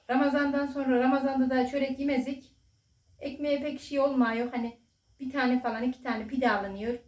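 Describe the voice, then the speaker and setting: A middle-aged woman vlogging casually at home to her followers, talking in a loud, booming way. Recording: echoey room, distant mic.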